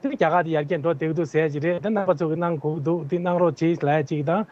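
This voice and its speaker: A man's voice: a little high, steady tone, moderate pace, a little mellow, highs cut off. A man who is a political candidate, giving long, earnest answers as an interview guest. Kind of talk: answering interview questions at length.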